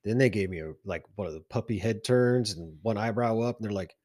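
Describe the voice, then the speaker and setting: A low-voiced man chatting casually on a podcast, spinning animated stories and slipping into the voices of the people in them. The sound is dry and close, with no room around him. His talk rambles easily, full of asides. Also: a little fast, dry recording. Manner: animated storyteller, acts out quoted voices. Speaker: podcast co-host. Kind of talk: casual chat.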